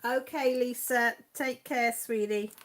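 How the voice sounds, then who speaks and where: Slow and steady in tone, her voice sits a little high. This YouTube host, who has a Mid Wales Radnorshire accent, reads comments aloud during a relaxed live chat on her channel, laughing often and keeping things chatty and homely.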